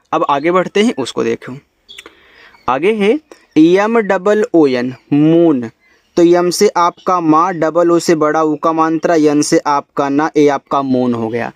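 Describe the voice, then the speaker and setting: Guy teaching english spelling, a bit high voice, dry close sound. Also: no room sound. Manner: spells out letters slowly, then explains in Hindi. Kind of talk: spelling lesson.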